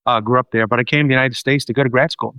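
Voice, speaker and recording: A man's voice: mid-range voice, fairly even intonation, rapid-fire, sharp tone, smooth, no room sound, low-quality recording. New man, dry close sound. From New Zealand. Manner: loose, searching delivery with many ums. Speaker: documentary filmmaker and guest. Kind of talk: casual interview conversation.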